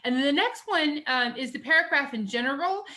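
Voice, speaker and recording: Bright-voiced chatty woman teacher. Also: sits high, lively intonation, brisk. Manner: chatty, lots of fillers and "you know". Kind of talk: recorded lecture on essay writing.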